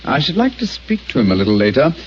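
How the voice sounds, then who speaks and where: Sherlock Holmes, lively and precise. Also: male voice, medium pitch. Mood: deducing. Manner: precise, deliberate deductive explaining. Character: Sherlock Holmes, sharp brilliant male detective. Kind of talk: vintage radio acting. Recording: dull old radio recording, faint hiss.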